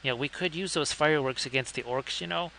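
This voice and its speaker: A man's voice: a little high, fairly quick, gravelly, sharp tone, slight background noise, rough recording. A man voicing a grumbling male elf who is fed up with party-loving hobbits, in exasperated banter.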